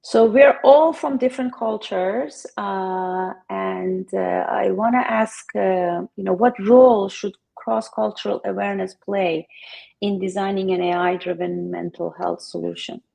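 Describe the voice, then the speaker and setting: A woman's voice: mid-range voice, fairly even intonation, unhurried, vocal fry, dark tone, low-quality recording. A woman moderating a panel discussion, asking questions in a friendly way.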